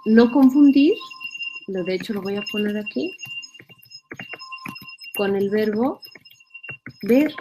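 Female teacher, mellow tone, patient and repetitive, faint hiss in the background. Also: mid-range voice, lively intonation, slow pace, pauses often. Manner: explanatory, repeats phrases, checks in with "¿verdad?". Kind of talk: spelling lesson.

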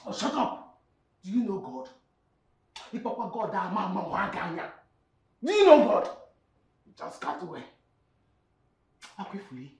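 An actress with a Nigerian accent playing a scornful, scheming mother who scolds harshly. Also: echoey room. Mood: furious. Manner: scornful, scolding, sudden pitch jumps.

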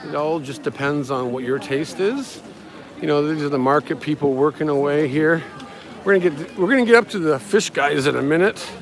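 Speaking briskly in a voice on the high side, a man offers loose, offhand commentary while walking as a live-streaming travel vlogger and guide. He's on a busy outdoor market street, and the noise of the crowd and passing traffic comes through.

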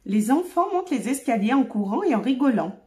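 Female storybook reader, high pitch, warm tone, expressive. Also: fairly quick. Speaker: children's book reader. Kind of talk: reading a children's story aloud.

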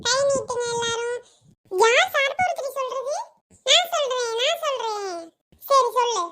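A woman playing a young girl who sticks up for her cousin, pleading and arguing in a very high Kanyakumari Tamil voice. Cartoon voice work, reasonable and protective. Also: expressive, moderate pace, pushed and bright, slight background noise, heavily acted. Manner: pleading, argumentative. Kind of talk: cartoon voice acting.

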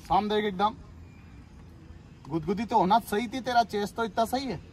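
A young man coaching army recruits in an instructional video, giving brisk commands and teasing them as he drills. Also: high voice, a little hiss or hum. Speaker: army recruitment physical trainer.

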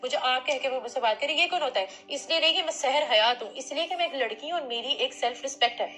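A woman's voice: sits high, fast, fairly bright tone. Indignant young woman on a phone call. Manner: indignant, insistent, repeats herself. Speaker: complaining client on a phone call. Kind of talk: heated phone argument. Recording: phone call recording with faint music.

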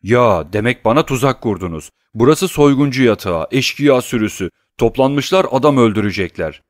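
A man reading an audiobook, voicing a coarse, bullying male swindler who rants and hurls insults loudly. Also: fairly low pitch, expressive, a little fast, no echo, clean studio sound, natural voice. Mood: outraged. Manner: loud, abusive ranting.

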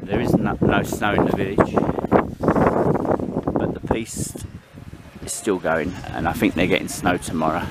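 Rambling vlogger husband, outdoor camera audio swamped by noise. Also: male voice, low-pitched, measured pace, long pauses. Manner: chatty, affectionate, rambling. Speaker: vlogger filming his wife skiing. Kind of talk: casual vlog narration. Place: outdoor ski slope. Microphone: camera mic. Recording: handheld camera outdoors with loud wind and crowd noise.

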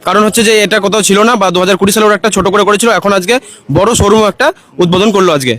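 Very fast, high-voiced West Bengal man. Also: steady tone, a bit bright. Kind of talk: on-the-spot interview testimonial.

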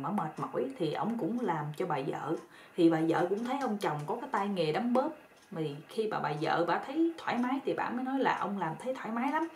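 Woman narrator, loose chatty telling, roomy echo. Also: medium pitch. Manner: chatty, colloquial, repeats words often. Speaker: storyteller. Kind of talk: casual spoken storytelling. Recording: roomy echo with faint noise.

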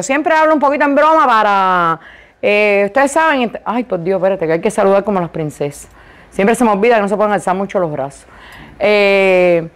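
A woman with a loud, high voice, chatting playfully and joking about herself while she models clothes in a boutique for a vlog. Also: clean tone. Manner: playful, joking, self-mocking.

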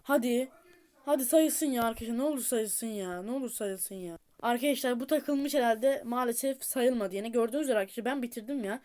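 A woman's voice: fairly high pitch, brisk, hardly any pauses, mellow. A woman giving casual gameplay commentary to her viewers, repeating urgent pleas and cheers as she plays. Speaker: gameplay streamer.

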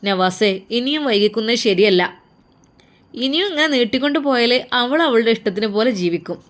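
Lady doing a pushy aunt, malabar accent, coaxing and a bit high. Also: animated, a little fast, lightly acted. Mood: probing. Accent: Malabar Malayalam. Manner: coaxing, persuasive, scolding. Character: coaxing middle-aged aunt, firm and meddling. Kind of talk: storytelling role voice.

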